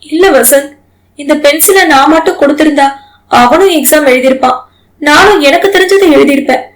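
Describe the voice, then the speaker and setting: குற்ற உணர்ச்சியில் தவிக்கும் ஒரு இளம் மனைவி, சற்று உயர்ந்த குரலில் அழுகையுடன் கெஞ்சுவது போல் பேசுகிறாள், ஒரு பெண் கதைசொல்லி அவளைப் பேசுகிறார். ஆடியோ நாவலின் கதாபாத்திரமாக அவள் குரல் வேதனையால் நடுங்குகிறது. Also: female voice, sits high, brisk, voice pushed up, close to an everyday voice, poor audio. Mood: distressed. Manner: pleading, tearful. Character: young wife, guilt-ridden and tearful.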